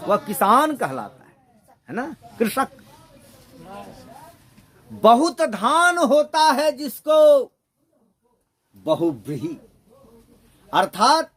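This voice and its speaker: A man's voice: very high voice, a bit bright. A man teaching a grammar class, who keeps asking his students questions and drilling the same points again and again.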